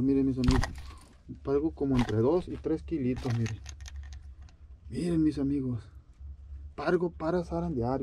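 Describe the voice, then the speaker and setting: Brief: man, fishing vlogger on a boat, slightly high voice, lively and hollering, faint hiss behind. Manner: animated, shouts when a fish bites. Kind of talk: excited fishing commentary. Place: outdoors on a boat in an estuary.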